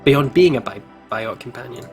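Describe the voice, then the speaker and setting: A man with a medium-pitched voice reads a visual novel aloud at a moderate pace, acting as a let's play host. Music plays behind him, and he reacts expressively, clearly emotionally invested in the story.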